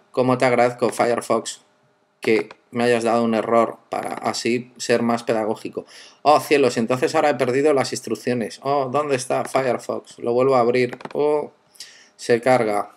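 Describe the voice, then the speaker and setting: A man from narrating a screen-recorded tech tutorial, playful and joking with viewers, exclaiming as he goes. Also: mid-range voice.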